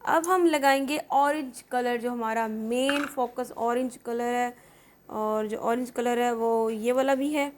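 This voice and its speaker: A woman's voice: on the high side, slow pace, a little hiss or hum. A woman hosting a casual makeup tutorial, chatty and often checking in with "okay". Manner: chatty, repeats "theek hai" often. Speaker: makeup vlogger.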